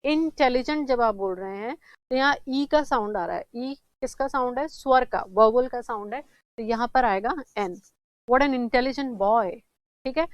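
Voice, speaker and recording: A woman teaching English grammar in a classroom-style lesson, asking questions and answering them herself, repeating examples slowly. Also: fairly high pitch, no room sound, poor audio.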